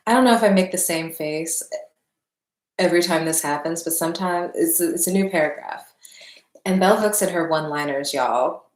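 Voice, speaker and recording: A woman with a somewhat low voice reads a book aloud in a room at home. She sighs often and breaks off to chat casually with her viewers. The room gives her voice a noticeable echo. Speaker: book reader and commentator. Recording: roomy echo.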